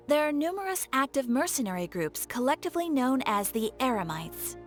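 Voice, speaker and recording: An actress with a high-pitched female voice plays a polite guild receptionist in a video game. Her delivery is formal, measured and courteous.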